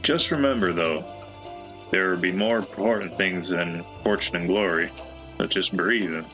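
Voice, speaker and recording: A man's voice: low-pitched, normal speed, bright, forceful tone, faint music behind, low-quality recording. A man voicing a chatty, folksy old male peddler with a put-on American Southwestern drawl, reading game dialogue in character.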